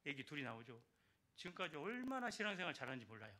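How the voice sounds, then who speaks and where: A man's voice: a little high, very animated, fast, pushed and bright. An older man, a church elder giving an evangelism testimony and exhorting the congregation with repeated phrases and calls for response.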